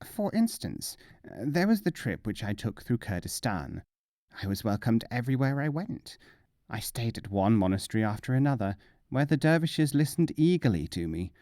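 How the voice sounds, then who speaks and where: A man's voice: medium pitch, very animated, normal speed, dark tone, no room sound, clean studio sound. A man voicing a cheerful, boastful wandering mullah in a storybook, chatty and breezily self-assured. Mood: breezy, boastful.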